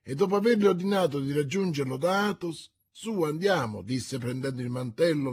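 A man narrating a classic novel in a measured, deliberate audiobook reading. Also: mid-range voice, darkish tone, slightly rough.

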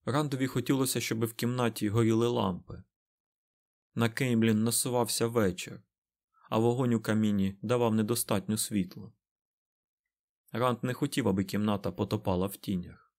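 A man reading a fantasy audiobook as narrator, in an even, steady way. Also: fairly low pitch, normal speed. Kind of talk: scripted narration.

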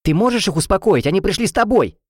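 A young female student mage, upset and shrill, as a male narrator puts her on. The voice jumps up high and louder than the narration, rising and falling a lot. It is close and dry. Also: lively intonation, fast talker, breathy edge, no room sound. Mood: agitated. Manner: shrill, agitated.

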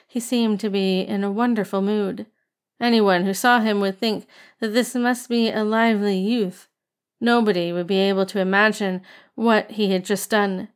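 A woman reading an audiobook in a steady, measured storytelling manner. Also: medium pitch, clear, resonant tone. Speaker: audiobook reader. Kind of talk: scripted narration.

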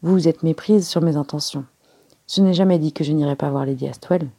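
A woman reading aloud and voicing an elderly male detective who is courteous, self-satisfied and measured in his speech. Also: a little high. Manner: polite, measured, softly spoken. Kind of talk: audiobook character reading.

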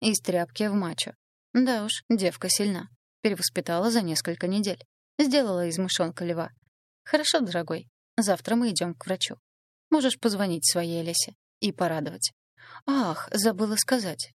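A woman's voice: lowish voice, no echo, studio quality, natural voice. A woman voicing a spiteful, scheming young woman who sneers and mocks. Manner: sneering, venomous. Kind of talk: audiobook dialogue reading.

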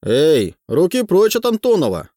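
A man voicing an excitable, loud middle-aged male teacher in an audiobook. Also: fairly high pitch, moderate pace, dry recording, clean studio sound, pitched above the performer's own voice, heavily acted. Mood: excited.

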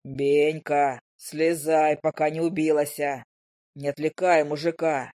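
A coarse, rustic tavern man who bellows his words in a low, rough voice, as a woman narrator puts him on. It is a storybook voice, recorded close and dry. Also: little pitch movement, a little slow, dark tone, no room sound. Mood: bellowing. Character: loud rough male tavern guest with rustic speech.

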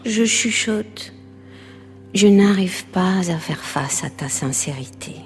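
An actress playing a lonely, fragile woman who speaks slowly and often in a whisper, in a stage play. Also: mid-range voice, animated, long reverb tail, soft background music. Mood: hushed. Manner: slow, hushed, often whispering.

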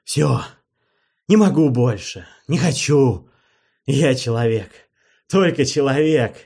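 A man's voice: mid-range voice, animated, slow, pitched above the performer's own voice. A man doing an anguished necromancer king. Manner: loud, pleading, anguished outbursts. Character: despairing male necromancer king, raw, self-loathing.

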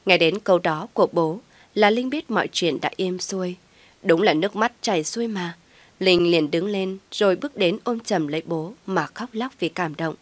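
A woman's voice: on the low side, normal speed, no echo. A woman narrating a dramatic family story as a storyteller, reading steadily and expressively.

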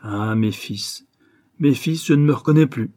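A man's voice: mid-range voice, moderate pace, mellow, slightly rough, close to an everyday voice. A man voicing a proud, grieving older countess, a mother torn over vengeance, in an impassioned declamatory reading. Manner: intense, emotional, declamatory. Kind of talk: audiobook reading.

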